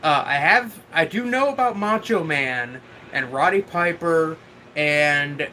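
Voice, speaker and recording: A man livestreaming while drunk, chatting casually and haltingly as he answers viewers, often losing his thread and swearing now and then. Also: on the high side, lively intonation, sharp tone, a little hiss or hum. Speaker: livestream host.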